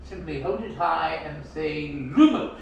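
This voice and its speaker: A man with a lively, swooping voice delivers showy wand shop patter in a grand, old-fashioned manner. He is heard from some distance away, and the small shop rings with heavy echo. Crowd noise hums clearly behind him. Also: fairly high pitch, slow. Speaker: theme park wand shop performer. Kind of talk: theatrical live show patter. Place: indoor wand shop attraction. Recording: distant, very echoey shop filmed on a phone.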